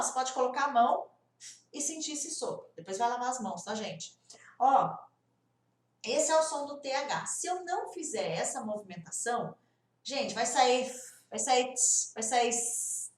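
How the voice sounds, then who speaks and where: Brazilian-portuguese speaking lady teacher, higher voice, demoing sounds in an echoey room. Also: distant mic. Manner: demonstrative, drawn-out sound examples. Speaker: English teacher. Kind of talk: pronunciation lesson.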